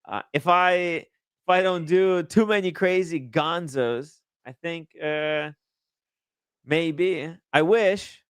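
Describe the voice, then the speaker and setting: Bright-voiced excitable male host in his thirties. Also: fairly high pitch, takes it slowly, clear, resonant tone, no room sound, studio quality. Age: 30s. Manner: eager, reacts with loud exclamations. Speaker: livestream host. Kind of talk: casual livestream chat.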